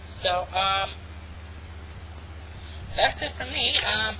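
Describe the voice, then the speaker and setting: A vlogger talking through an online voice changer that pitch-shifts the voice to sound female, rambling casually with many ums and restarts. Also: expressive, pushed and bright, a little hiss or hum, rough recording. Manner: halting, full of ums and restarts. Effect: pitch-shifted voice changer, meant to sound female. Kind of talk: casual rambling vlog monologue. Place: home, hot climate.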